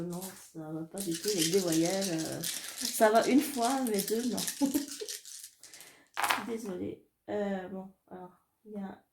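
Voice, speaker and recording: A woman from France thinking aloud in a casual solo video, soft-spoken and hesitant, laughing often as she draws cards and dice. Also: medium pitch, roomy sound, noisy background. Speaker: illustrator doing card and dice draws.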